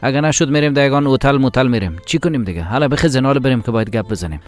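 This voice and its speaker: Casting: a man as a hurried young son, Tajik accent, mid-pitched, soothing yet quick, dubbed series. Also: faint music behind, lightly acted. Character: young adult son, hurried and calming his sister. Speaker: adult son in a family drama. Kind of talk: dubbed television drama.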